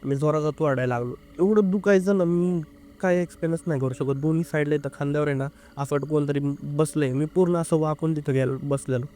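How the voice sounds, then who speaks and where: A man's voice: a little high, warm tone, a little hiss or hum. Earnest young man recounting a story. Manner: earnest, halting, with filler sounds. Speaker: interview guest. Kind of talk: casual first-person storytelling.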